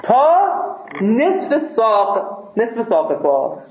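A seminary teacher with a high, sing-song voice works through a text, reading each phrase, translating it, and giving a plain explanation peppered with jokes. The recording sounds like an echoey room heard over a phone line.

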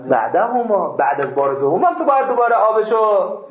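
A man's voice: high-pitched, very animated. A man teaching a seminary class, reading Arabic text aloud and explaining it with questions and the odd joke. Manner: explains by question and answer, jokes with students. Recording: dull echoey classroom recording.

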